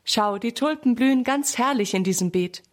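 A woman's voice: fairly high pitch, moderate pace, close to an everyday voice. A woman reading the part of a sensible, helpful girl in a storybook reading.

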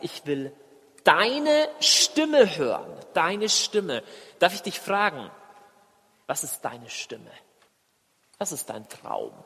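A man with a high voice preaches a sermon, animated and full of direct questions to his listeners. His voice rings out with a long reverb, as if he is recorded in a large hall. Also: breathy edge.

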